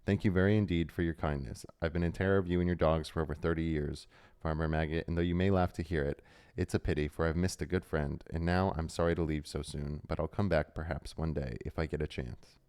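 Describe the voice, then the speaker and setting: A polite young hobbit traveller with a low, smooth, quiet voice, read by a man close to his own voice. He sounds courteous and a bit apologetic. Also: steady tone, quick pace.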